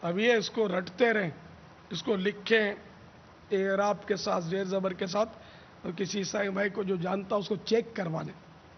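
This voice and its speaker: A man answering religious questions, explaining patiently and drilling pronunciation with slow, drawn-out repetitions. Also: high-pitched, steady tone, long reverb tail. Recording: dull lo-fi broadcast audio with faint hiss.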